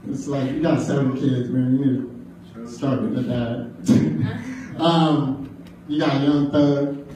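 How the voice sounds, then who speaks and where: A man's voice: mid-range voice, steady tone, takes it slowly, crowd noise. A man in his twenties from the American Midwest doing stand-up at an open mic, rambling loosely with lots of fillers and swearing. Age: 20s. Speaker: stand-up comedian. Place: bar or club room at an open mic. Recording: very echoey room, distant mic, faint noise. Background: audience laughter.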